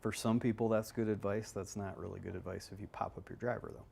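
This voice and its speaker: A man's voice: lowish voice, steady tone, fast talker, creaky, darkish tone, a little hiss or hum. A man working as a golf instructor, explaining swings in a loose, conversational way on a live analysis show.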